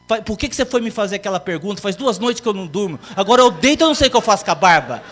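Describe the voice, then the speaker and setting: A man's voice: high-pitched, rapid-fire, pitched above the performer's own voice. A man voicing an old bearded rabbi teacher in a told joke, kindly at first, then exasperated.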